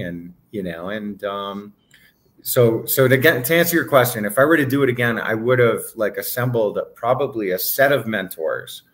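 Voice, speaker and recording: A middle-aged man from Hawaii, with a fairly low-pitched voice, talks casually as an interview guest. He rambles, using lots of fillers and restarting his sentences often.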